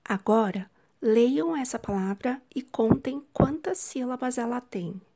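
A woman teacher records a lesson at home for young pupils. Her voice sits somewhat high, and she speaks slowly. She breaks each word into separate syllables so children can count along. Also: animated, mellow. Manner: slow, clearly syllabified speech to young pupils. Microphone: home-recorded video.

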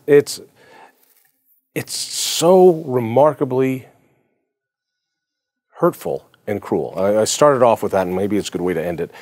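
A man's voice: lowish voice, darkish tone, no echo. A man hosting an interview, talking earnestly and personally, often restarting his sentences. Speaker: interview host. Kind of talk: interview conversation.

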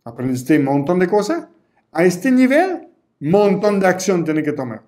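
Lively man teaching online sales. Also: high-pitched, moderate pace. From Canada. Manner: repetitive, acts out customer chats in voices. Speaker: online course instructor. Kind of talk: energetic sales lesson.

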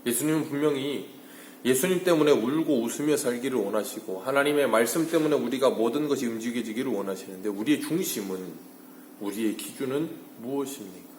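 A male pastor preaching an early-morning sermon, asking rhetorical questions and moving between hushed and emphatic delivery. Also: medium pitch, a little fast, reverberant. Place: church sanctuary.

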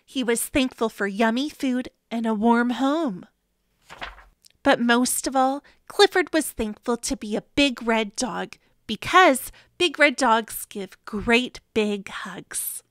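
A woman reading a children's picture book aloud to young listeners, with expressive, playful storytelling. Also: a little high, slow pace, no echo. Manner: gently addresses young listeners. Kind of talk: children's read-aloud narration.

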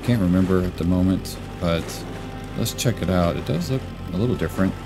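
A man with a sick, rough voice, rambling casually and thinking aloud while he plays a game. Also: low-pitched, animated, fairly quick. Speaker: gaming YouTuber. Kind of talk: casual gameplay commentary. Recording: game music playing behind. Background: game music.

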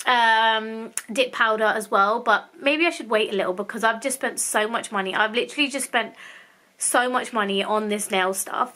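Woman vlogging in her bedroom, high voice, rambly casual chat, kinda under the weather. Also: sharp tone. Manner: rambling, chatty, talks to camera while minding her son. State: unwell with sore tonsils. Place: bedroom, indoors. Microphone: handheld camera at arm's length.

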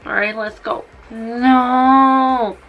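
A woman's voice: a little high, steady tone, drawn-out words, dull audio, faint music behind. A woman in her twenties chatting through a casual makeup tutorial in a tipsy, rambling, blunt and sweary way. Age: 20s. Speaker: makeup vlogger. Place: small room indoors.

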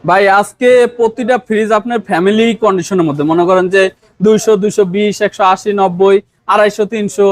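Shop seller, male, Bangladeshi Bengali accent. Very high, very fast, dry close sound, relentless price countdowns. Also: steady tone, no room sound. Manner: fast, insistent haggling patter with repeated stock phrases. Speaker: used fridge shop seller. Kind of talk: rapid sales pitch, counting prices down. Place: used fridge shop.

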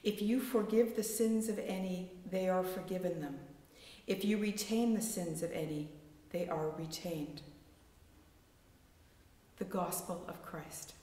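A woman's voice: on the low side, unhurried, long pauses, mellow. A woman giving a liturgical scripture reading as gospel reader, with an echoing cathedral-like church sound. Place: church chancel, standing, indoors. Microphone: distant camera. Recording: echoey church hall from far off.

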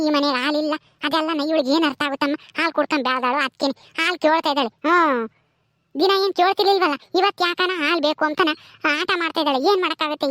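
A woman playing an older village woman, gently coaxing a crying child and chiding its mother. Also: high voice, no echo, studio quality. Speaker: actor in a village drama. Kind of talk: village skit acting.

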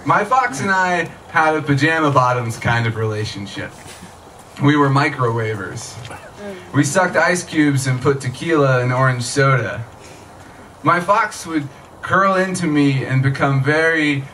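Reading his own short fiction at a live event, this author in his thirties tells it like a conversation, his medium-pitched voice slightly bright. He stands at a microphone in a small tent outdoors at night, recorded from the audience by a camera, and the distant audio carries plenty of event noise.

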